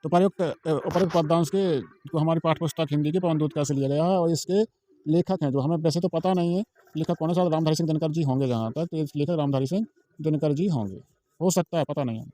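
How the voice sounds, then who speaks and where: Fast-talking male exam tutor. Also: a little high, warm tone. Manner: repetitive, asks and answers his own questions; walks through a page, pointing at lines. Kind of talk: informal exam-prep tutorial.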